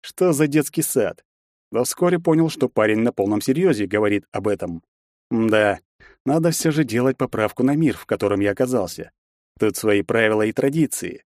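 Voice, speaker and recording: A man's voice: lowish voice, lively intonation, brisk, a little mellow, dry recording, studio quality. A man reading a novel aloud as the first-person narrator, with a wry, ironic inner voice. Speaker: audiobook narrator.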